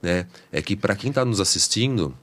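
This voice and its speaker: Brazilian man, interview host, low voice, hesitant, tag questions everywhere. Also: animated, normal speed, a bit bright. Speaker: host and teacher. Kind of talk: conversational interview hosting.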